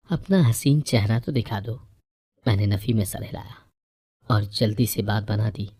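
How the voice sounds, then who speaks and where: A woman narrating a first-person moral story in a measured, even reading voice. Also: very deep voice, slightly rough.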